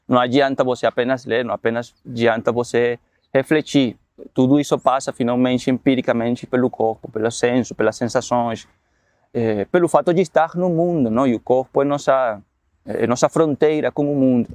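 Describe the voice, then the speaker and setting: A man's voice: medium pitch, darkish tone, no echo. Reflective man with a dry, close sound. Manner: reflective, explanatory, measured. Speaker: university refugee program worker. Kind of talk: documentary interview.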